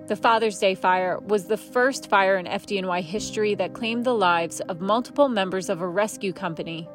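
A woman reading scripted documentary narration in a measured, solemn manner. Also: mid-range voice. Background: music.

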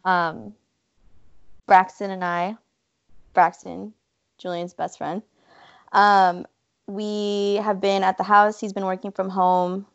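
A woman's voice: medium pitch, gravelly, smooth, muffled recording. A young woman, a student guest chatting casually with lots of "like". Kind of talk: casual interview chat.

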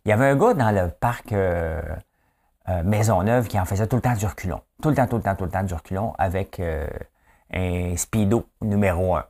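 Presenting trivia in a relaxed chat, this host, a man in his fifties with a Quebec French accent, jokes and quizzes his audience. He speaks briskly in a deep, slightly mellow voice.

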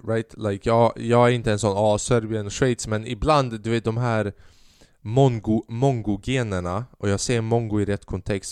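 A man's voice: lowish voice, darkish tone, smooth, dry recording, studio quality. A young man hosting a casual podcast, a stand-up comedian telling stories in a profane, sarcastic way and acting out the dialogue.

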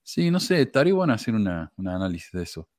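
A man's voice: lowish voice, quick pace, no room sound, studio quality. A man hosting a casual livestream and reading viewer comments aloud. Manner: lively, reads chat comments aloud.

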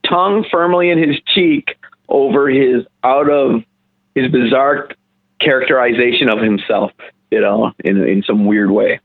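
A man chatting casually, answering in a measured, hedging way. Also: mid-range voice, creaky, slightly rough. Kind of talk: casual chat. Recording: tinny phone-like line.

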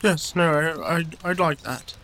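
A man's voice: fairly high pitch, a little slow, a bit bright. A man playing a tabletop role-playing game, who talks hesitantly with many fillers. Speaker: player. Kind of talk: tabletop role-play chat.

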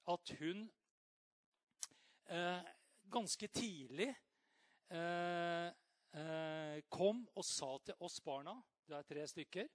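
Male pastor, high voice, animated preaching, bursts of shouting, dry close sound. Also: no echo. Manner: animated, shouts acted outbursts then drops to soft asides. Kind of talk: lively sermon to parents.

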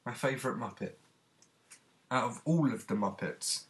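A man's voice: mid-range voice, normal speed. A man co-hosting a casual comedy chat about films, with dry, wry banter. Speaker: co-host.

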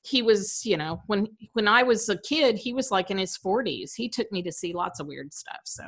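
A woman's voice: medium pitch, lively intonation, normal speed, slightly rough. A woman co-host chatting casually and sharing personal anecdotes. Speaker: podcast co-host.

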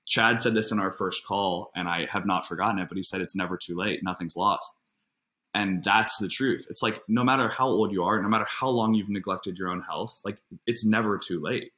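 A man's voice: on the low side, normal speed, pushed and bright. A man in his thirties, a fitness coach and podcast guest, speaking earnestly and reflectively in casual conversation, with many "like" fillers.

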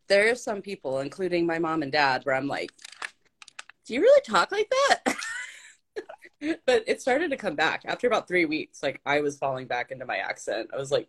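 A woman's voice: low-pitched, very animated, brisk. A woman from Arkansas, hosting a podcast in casual chat, self-deprecating and laughing often. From Arkansas, US South.

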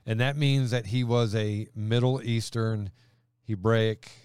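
A man from Honduras hosting a relaxed Bible discussion, laughing easily and reading scripture aloud. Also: lowish voice, a little slow, clear, resonant tone, dry recording. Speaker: host.

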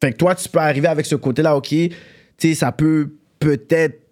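A man's voice: a little high, fairly even intonation, fairly quick, a little mellow. A man hosting a casual podcast, laid-back and hesitant, mixing in English slang.

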